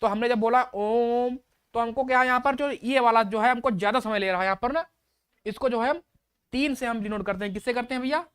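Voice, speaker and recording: A woman teaching a grammar lesson to a live online class. She repeats each key term and quizzes her viewers as she goes. Her voice is smooth and clear, recorded dry and close. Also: fairly high pitch, fast talker, no room sound. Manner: reads out and answers viewer questions.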